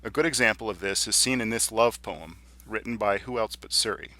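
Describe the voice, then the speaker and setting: A man teaching a lesson, explaining clearly and reading poems aloud slowly. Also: fairly low pitch, bright, forceful tone, no room sound. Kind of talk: recorded lecture.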